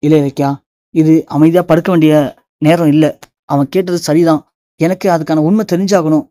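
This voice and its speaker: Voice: mid-range voice, steady tone, a little fast, dark tone, no echo, studio quality, natural voice. A narrator voicing a desperate young man pleading to learn who his father is. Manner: pleading, insistent.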